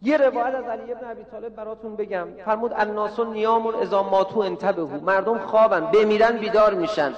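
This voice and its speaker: A man preaching a sermon to a gathering, his voice going from raised to hushed. The voice sits high. The recording is dull and lo-fi, with a long reverb from the hall. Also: fairly even intonation, few pauses. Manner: swings between raised and hushed voice.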